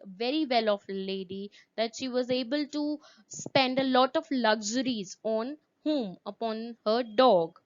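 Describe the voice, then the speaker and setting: A woman's voice: a little high, muffled recording. A woman teacher, explaining a story to her class, repeating words for stress and asking the class questions.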